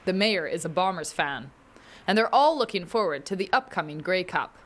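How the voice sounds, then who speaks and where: A woman's voice: lowish voice, animated, moderate pace, fairly bright tone. A woman with a Canadian accent narrating a scripted TV news report.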